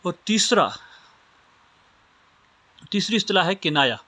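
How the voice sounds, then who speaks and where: A man's voice: sits high, lively intonation, sharp tone, no room sound. A man from Pakistan lecturing on Islamic studies, explaining step by step with simple everyday examples. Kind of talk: recorded lecture.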